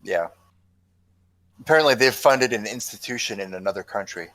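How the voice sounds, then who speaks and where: A man with a somewhat low voice, tossing sardonic comments and questions into a relaxed podcast conversation. His tone stays dry and mocking. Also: normal speed. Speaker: podcast co-host. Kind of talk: casual political chat.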